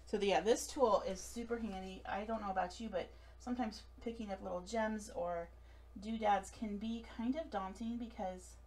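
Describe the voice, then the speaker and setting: Filmed by a camera above her table, this late-thirties woman demonstrates a craft live, chatting, giggling, and making fun of herself along the way. She speaks at a normal speed in a mid-range, slightly mellow voice with fairly even intonation.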